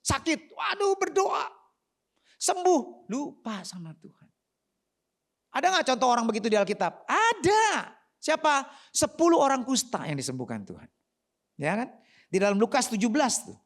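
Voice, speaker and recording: A woman pastor, preaching an animated, slangy sermon full of rhetorical questions. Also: on the high side, normal speed. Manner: slangy and conversational in the pulpit.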